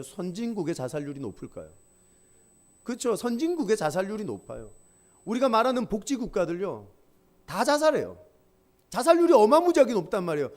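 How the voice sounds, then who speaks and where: A male pastor delivering a lively sermon with humor and call-and-response lines for the congregation. His voice is high for a man and moves through a wide, expressive pitch range.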